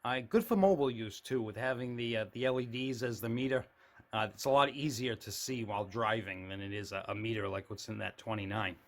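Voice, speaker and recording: Holding a camera indoors, a man shows off his CB radio shack, its shelves full of radios, in a casual show-and-tell. He speaks fairly low and a little fast. His delivery is plain and matter-of-fact, clearly unscripted.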